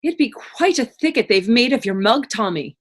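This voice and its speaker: This woman's voice sits on the high side, animated and at normal speed. Performing readers theater dialogue, she plays a frank, teasing but compassionate woman who questions others in folksy, archaic Irish dialect.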